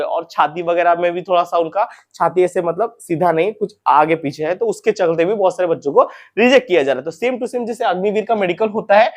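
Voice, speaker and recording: A young man hosting an informal advice talk, chatty, repeating points and calling viewers friends and brothers. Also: high-pitched. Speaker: recruitment info channel host.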